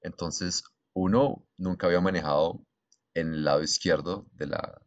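A man's voice: low voice, steady tone, moderate pace, dry recording, lo-fi sound. A young adult man with a Colombian accent, telling a story in casual chat with crude slang.

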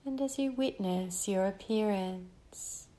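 Slow, soothing woman guiding meditation. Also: mid-range voice, mellow, rough recording. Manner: slow, soothing, with long pauses. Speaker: meditation guide. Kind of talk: guided meditation.

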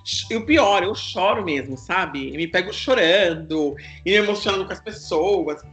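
A man in his thirties from Brazil, hosting a casual chat, animated and confessional, acting out other people's reactions. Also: high voice, normal speed, soft background music.

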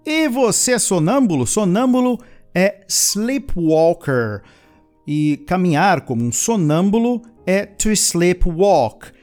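A man teaching English vocabulary in a lesson, chatting casually in his explanations and slowly modelling sentences for learners to repeat, with playful asides. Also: high-pitched, big pitch swings, a little mellow, faint music behind. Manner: switches between chatty explanations and slow, careful model sentences. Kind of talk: language lesson with repeat-after-me drills.

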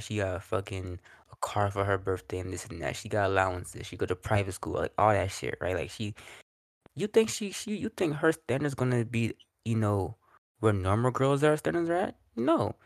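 Low, gravelly man rambling on a podcast. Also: dry recording, studio quality. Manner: rambling, halting, repeats words. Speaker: podcast co-host. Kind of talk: casual chat.

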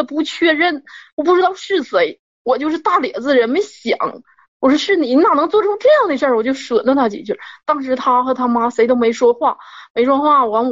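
A woman, a caller telling a personal story in a rambling, worked-up way and repeating herself. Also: sits high. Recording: dull lo-fi audio.

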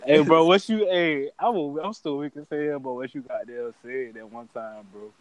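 A man with an American accent chatting casually as a guest, unsure and halting, with slang and swearing. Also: on the high side, rough recording. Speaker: podcast guest.

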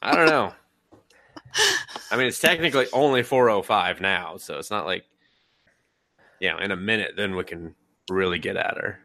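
A man's voice: sits low, normal speed, long pauses, sharp tone, no echo. A man in his thirties hosting a podcast in casual chat, joking around and slipping into silly voices. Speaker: podcast host.

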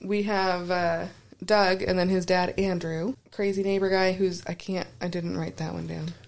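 A woman's voice: fairly low pitch, level tone, vocal fry. A woman co-hosting a podcast, chatting casually about a movie with lots of fillers. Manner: chatty, filler-heavy, quick to laugh. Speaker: podcast co-host. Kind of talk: casual movie-review chat.

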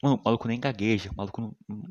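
A young man with a fairly low voice delivers a casual, rambling monologue. He swears freely, uses lots of slang, and often lets his sentences drop off into a mumble. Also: very fast, lo-fi sound. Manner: slangy, profane, rambling, often trails off quietly.

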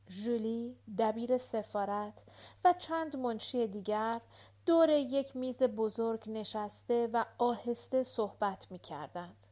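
A woman narrates a novel in the first person, steady and measured. Her voice sits a little high and stays quiet and even. It is a calm audiobook reading.

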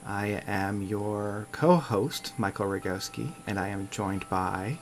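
A man from Canada co-hosts a relaxed, casual podcast in a halting, unhurried way. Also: lowish voice, a little hiss or hum. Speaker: podcast co-host.

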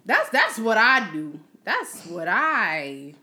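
A woman chatting candidly and bluntly, with frequent swearing and laughter, her pace speeding up and slowing down. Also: medium pitch, very animated, sharp tone. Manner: frank and profane, laughs often, pace shifts. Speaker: podcast guest sharing her work. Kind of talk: candid casual chat.

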